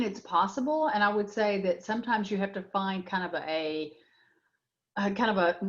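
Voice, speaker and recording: Frank middle-aged woman giving advice. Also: mid-range voice. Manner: frank, direct advice with many fillers. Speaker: workshop presenter. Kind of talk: answering audience questions in a webinar. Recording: dull lo-fi web audio.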